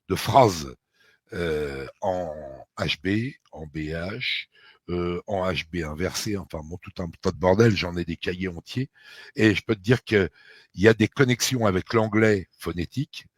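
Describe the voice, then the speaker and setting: A man's voice: low-pitched, no room sound. A middle-aged man from France, talking casually and emphatically with many fillers and asides. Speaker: researcher of a historical mystery. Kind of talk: casual conversation.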